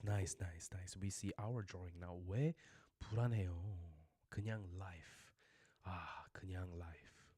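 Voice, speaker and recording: A Korean language teacher with a low, darkish, husky voice leads a casual livestream lesson. He chats with viewers and repeats phrases for learners.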